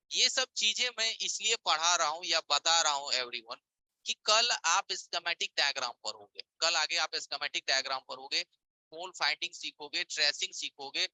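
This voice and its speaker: Over a screen share, a man runs a live online repair class, voicing over the stream as he explains with everyday examples and rhetorical check-in questions. His voice is slightly high and sharp, and the audio quality is poor.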